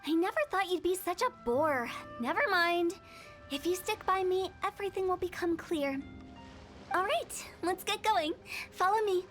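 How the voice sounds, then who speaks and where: A woman's voice: extremely high pitch, normal speed, a bit bright, faint music behind. A woman voicing a playful, eccentric young female funeral director in a video game, chirpy, theatrical and teasing.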